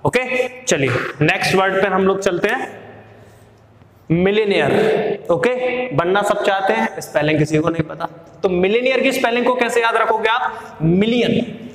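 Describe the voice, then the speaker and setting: A man's voice: high voice, expressive, normal speed, fairly bright tone. A young Indian man teaching spelling tricks in a casual spoken lesson, often asking his own questions and then answering them. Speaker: exam coaching teacher. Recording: echoey room with long reverb.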